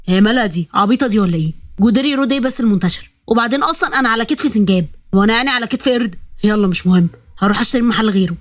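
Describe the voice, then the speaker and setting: A woman voicing a cocky, stubborn young man in his late twenties, with an Egyptian accent and a bantering, quick-tongued manner. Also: on the high side, dry recording, studio quality, close to an everyday voice. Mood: teasing. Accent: Egyptian Arabic.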